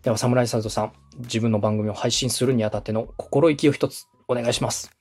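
Fairly quick and fairly even in intonation, a man's mid-range, slightly mellow voice delivers polite, encouraging instructional advice. He's from Osaka, Japan, a podcast host, coach and radio director speaking in a podcast dialogue, with soft background music.

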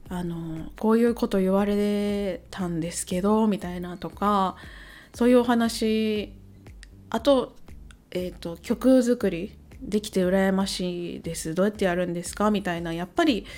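A woman's voice: medium pitch, darkish tone. A hungover woman in a casual solo chat to her listeners, talking as a host in a hesitant, rambling way as she thinks aloud. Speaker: host, amateur-facing musician and songwriter.

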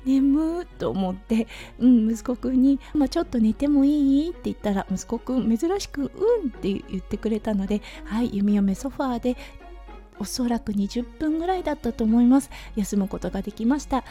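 A woman with a hoarse, slightly raspy voice from overuse, chatting through a casual solo audio diary as a host. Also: a little high, expressive, moderate pace, dark tone. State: hoarse from overuse, sore throat. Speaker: podcast host, anaesthetic nurse. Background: background music.

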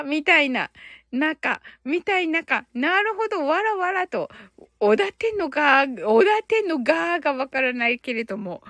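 A woman's voice: high voice, fairly bright tone, dry recording, studio quality. A woman hosting a casual live audio stream, reading out listener comments and reacting with giggles and delight.

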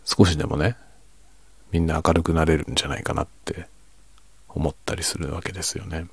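Very deep, quiet-voiced man chatting. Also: steady tone, brisk, gravelly, husky. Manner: reflective, self-deprecating, soft-spoken. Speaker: streamer and hobby novelist. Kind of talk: quiet late-night casual monologue in a low voice.

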